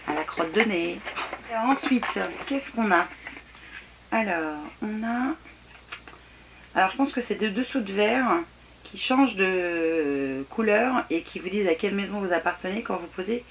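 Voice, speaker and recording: A woman's voice: mid-range voice, a bit bright, slight background noise. A woman chatting casually through an unboxing, frank and hesitant, with many fillers and restarts. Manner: frank, mildly critical. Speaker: vlogger.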